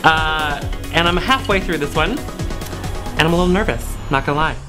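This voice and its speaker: A man's voice: on the high side, moderate pace, music in the background. A man in his thirties, a sassy, campy drag queen host chatting casually and comically, a little tipsy. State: tipsy from drinking. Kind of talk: casual comedic chat while playing a game. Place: small indoor set with foil backdrop.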